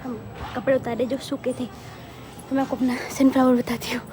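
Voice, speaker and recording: Fast-talking chatty woman vlogger. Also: high-pitched, level tone. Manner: talks fast, chatty and rambling. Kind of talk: casual home vlog chat. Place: at home and on the rooftop. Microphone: handheld phone camera.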